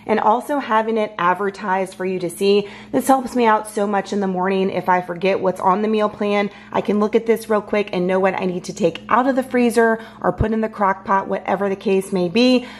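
A woman's voice: mid-range voice, brisk, few pauses. An American woman in her thirties chatting casually and upbeat through a home tour, her scratchy, strained voice giving out from allergies. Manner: upbeat, informal, addresses viewers directly. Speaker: home organization vlogger. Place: home kitchen, indoors. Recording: clear background hum and noise.

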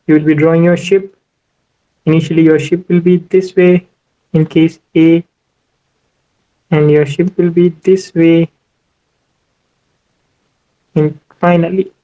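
This maritime navigation lesson is narrated as a voice-over to a tablet whiteboard recording, with the instructor working step by step and repeating "you know." He talks slowly with long pauses, in a fairly high, mellow, level voice, and the audio sounds dull.

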